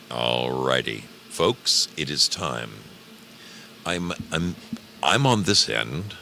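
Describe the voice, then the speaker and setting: A man with an extremely low, crackling voice hosts a casual livestream. His delivery is bright and folksy, with showman-like repetition. There is faint noise behind him. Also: gravelly. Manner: folksy showman, repeats phrases for effect. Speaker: host of an old time radio programme livestream. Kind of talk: casual livestream chat, greeting viewers. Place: garage with a heater running.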